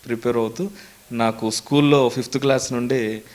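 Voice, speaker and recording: A man's voice: mid-range voice, fairly even intonation, moderate pace, a little mellow, slight background noise. A young man, a mimicry artist answering interview questions earnestly, in a storytelling way. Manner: earnest, storytelling, lists names steadily.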